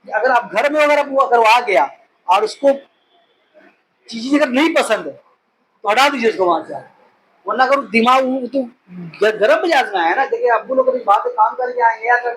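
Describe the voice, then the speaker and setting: A man's voice: extremely high pitch, moderate pace, fairly bright tone. A man giving an informal, rambling explanatory talk, often asking a question and then answering it himself. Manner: rambling, conversational, asks and answers own questions. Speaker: speaker explaining a health topic. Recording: echoey room with faint ambient noise.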